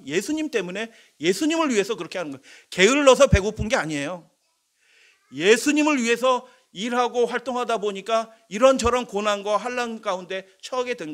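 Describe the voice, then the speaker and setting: A male pastor preaching a sermon, asking the congregation questions and answering them himself, moving between soft low asides and loud emphatic lines. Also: lively intonation, normal speed.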